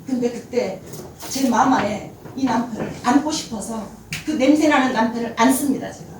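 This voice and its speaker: A woman's voice: a little high, normal speed, a little mellow, recorded from a distance, a little hiss or hum. Korean woman pastor preaching in echoey hall. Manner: dramatic storytelling, acting out quoted prayers. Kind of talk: testimony sermon. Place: church sanctuary.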